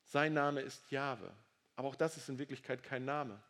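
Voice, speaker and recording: A man preaching a sermon, swinging between loud, emphatic declarations and soft, low asides. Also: moderate pace.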